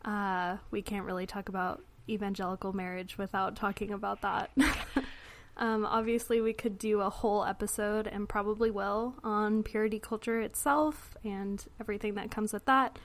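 A woman hosting a podcast in a casual, chatty way, laughing often and filling pauses with "um". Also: medium pitch, level tone. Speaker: podcast host.

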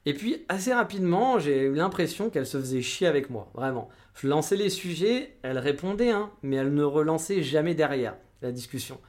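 A man's voice: fairly high pitch, lively intonation, fairly quick, few pauses. A man in his forties hosting a podcast, frankly telling personal anecdotes in a chatty way with many restarts. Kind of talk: casual storytelling monologue.

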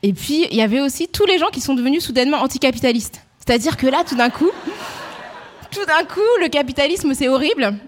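A woman's voice: sits high, lively intonation, fast talker, a little hiss or hum. A woman co-hosting a casual commentary chat, talking animatedly with frequent fillers and restarts. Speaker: co-host.

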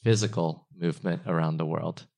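Male podcast host, low voice, gravelly, friendly curious questions. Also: steady tone, brisk, darkish tone. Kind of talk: podcast interview.

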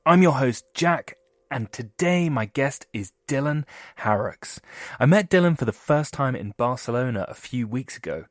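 A man's voice: medium pitch, expressive, moderate pace, no room sound. Upbeat male podcast host. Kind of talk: podcast interview.

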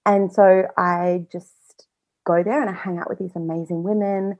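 Woman podcast guest, lowish voice, casual and chatty, lots of fillers; slightly muffled lo-fi audio. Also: fairly even intonation, moderate pace, darkish tone. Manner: chatty, many fillers and self-quotes. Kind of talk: casual personal interview.

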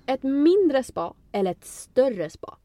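A woman co-hosting a casual podcast over a phone call with a shaky connection. She talks in an animated, outspoken way and swears for emphasis. Her voice sits fairly high but sounds mellow, and it comes across dry. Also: no room sound. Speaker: podcast co-host. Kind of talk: casual chat. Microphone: phone on a call with a poor connection.

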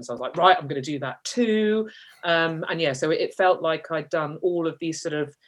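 A woman, a guest telling personal stories in a chatty, self-mocking way and laughing often. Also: sits low. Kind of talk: candid personal storytelling.

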